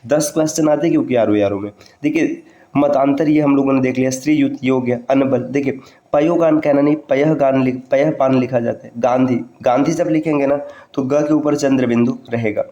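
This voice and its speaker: A male teacher walks through correct spellings one word at a time, repeating each form patiently. His voice sits at an ordinary middle pitch. The room around him rings with a noticeable echo. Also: fairly even intonation, a little fast, mellow, muffled recording. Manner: addresses students directly to remember points. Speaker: Hindi teacher. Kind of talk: exam-prep spelling lesson.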